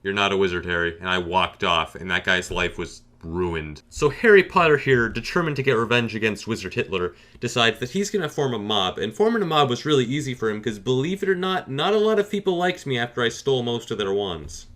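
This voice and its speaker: A man telling a comic story as a YouTuber, animated, with dry sarcastic asides. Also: medium pitch, fairly quick, few pauses. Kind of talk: comedic storytelling.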